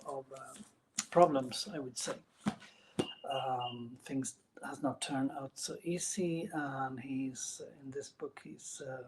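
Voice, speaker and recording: A man chatting casually and unscripted as a vlogger about his hobbies, speaking in a hesitant, halting way with broken phrases. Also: a little high, slight background noise, low-quality recording. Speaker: book and gaming vlogger. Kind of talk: casual unscripted video chat about reading and games.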